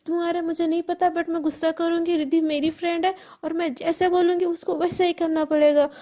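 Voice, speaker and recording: Woman doing a jealous young girl in a storytelling video, snappy and indignant, high and bright. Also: flat delivery, fairly quick. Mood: jealous fuming. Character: young woman, jealous, quick-tempered friend.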